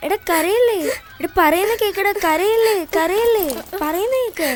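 A woman's voice: very high-pitched, normal speed, slight background noise. A woman dubbing a film role: a cheeky, tearful six-year-old child with a childish, pleading way of talking. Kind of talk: film dub.

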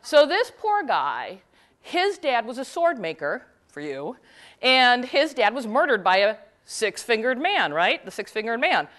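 A woman giving a conference talk, retelling a story with quick, animated asides. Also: fairly high pitch. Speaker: conference speaker; teacher.

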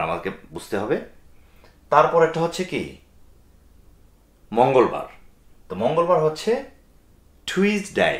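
A man giving a spoken English pronunciation lesson, explaining step by step, spelling out letters and mixing in English phrases. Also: medium pitch. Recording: roomy echo.

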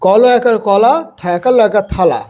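A man with a high voice takes a spelling lesson for young children. He spells each word letter by letter and then says it slowly and drawn out, like a patient teacher. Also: darkish tone.

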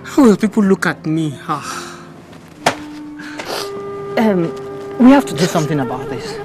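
A man's voice: high-pitched, big pitch swings, a little slow, poor audio. An actor playing a hypocritical young churchman who stammers and talks his way around things. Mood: anxious, flustered. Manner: stammering, evasive, persuasive. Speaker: actor in a gospel film. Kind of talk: film drama acting. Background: background film music.

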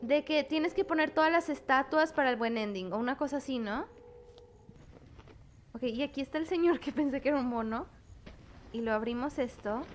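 Young woman streamer, high voice, jumpy horror-game commentary, faint background noise. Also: normal speed, long pauses. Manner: jumpy, exclaims at scares, talks to chat. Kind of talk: gaming commentary.

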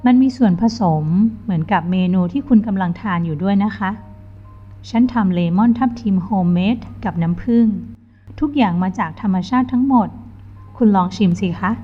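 A woman voicing a gentle young female chef who speaks politely and softly, in a dull lo-fi recording with faint music. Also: mid-range voice, moderate pace, close to an everyday voice.

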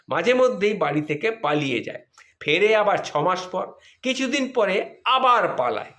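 A man performs a humorous spoken story about his household with a wry, self-mocking tone. His voice sits fairly high for a man. He pokes fun at his own mishaps. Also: fairly bright tone.

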